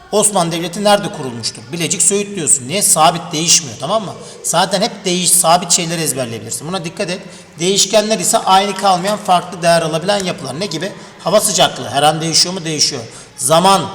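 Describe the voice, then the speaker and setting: Brisk man teaching in an echoey room. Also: fairly high pitch, a bit bright. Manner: addresses children directly, asks and answers own questions. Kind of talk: exam review lesson. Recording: echoey room with long reverb, faint noise.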